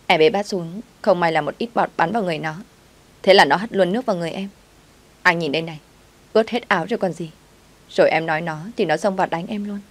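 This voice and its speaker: A woman voicing a spiteful young female coworker who taunts and shouts. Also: fairly low pitch, fast, natural voice. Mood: whining.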